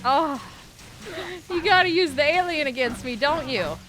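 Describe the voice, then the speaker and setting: A woman streaming a speedrun, talking to chat, swinging from frantic yelling to deadpan muttering. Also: high-pitched, measured pace. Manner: excitable, shifts between frantic yelling and deadpan mumbling.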